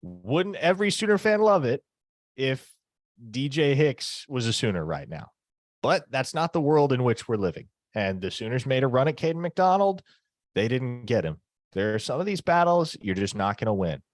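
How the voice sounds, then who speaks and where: A man explains his points in an articulate, steady way as a podcast co-host. His voice is mid-pitched for a man. The sound is dry and close. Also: normal speed, dry recording. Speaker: co-host, sports analyst. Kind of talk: casual sports podcast analysis.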